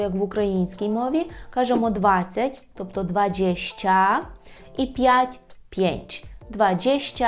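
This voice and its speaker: A woman teaching a language lesson, explaining patiently, often asking "right?" and repeating words slowly. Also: medium pitch.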